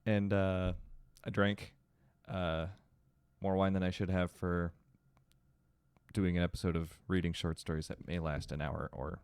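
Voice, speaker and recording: A storytelling show host opens slowly and dramatically, rambles through some casual chat, then reads a horror story aloud, lisping slightly because of rubber bands in his braces. His low voice is level and a little mellow, and the recording is clean, echo-free and studio quality.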